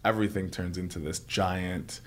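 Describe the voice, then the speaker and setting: A young man from Trinidad and Tobago, a guest actor telling stories in a podcast interview, animated and building tales with repetition. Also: deep voice, normal speed.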